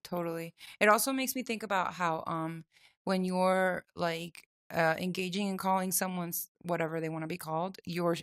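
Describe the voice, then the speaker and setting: Casting: woman, lowish pitch, bright, forceful tone, lively podcast co-host. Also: normal speed. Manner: lively, emphatic reactions. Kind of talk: casual conversation.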